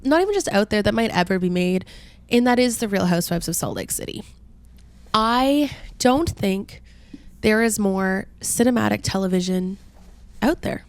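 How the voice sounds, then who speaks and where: Young woman co-host with a stuffy, nasal cold voice, mid-pitched, chatty and gushing. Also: expressive, moderate pace, no echo. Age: 20s. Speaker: podcast co-host. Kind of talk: casual chat.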